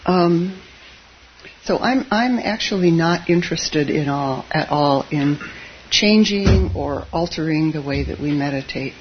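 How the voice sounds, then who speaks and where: Speaking at a measured pace, this Zen teacher offers a gentle, casual dharma talk before listeners in a meditation hall. The soft voice keeps drifting low, and the delivery is halting, full of fillers and dry remarks. Faint hiss runs under the dull, lo-fi audio.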